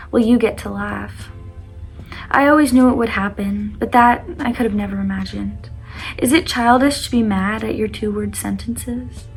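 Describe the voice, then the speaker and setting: A young woman with a fairly high voice shares personal poetry in a confessional vlog style. Her delivery is earnest and exposed, a little self-conscious, moving between reading and casual asides. Music plays behind her. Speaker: vlogger reading their own poetry.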